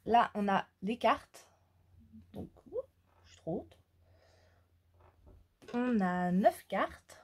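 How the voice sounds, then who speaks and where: A woman talks slowly through her new scrapbooking supplies in a relaxed show-and-tell. She hesitates often and fills gaps with soft fillers. Her pitch sits in a middle range. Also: breathy edge. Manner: slow, hesitant, many fillers. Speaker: crafting vlogger. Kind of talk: casual haul show-and-tell.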